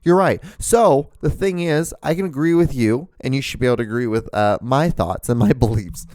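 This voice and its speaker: This man in his thirties from Honduras podcasts solo from home, seated at a studio mic before a camera with earphones on, his talk casual, rambling, profane and full of restarts. He has an expressive, mid-range, darkish voice at a moderate pace. The recording is dry.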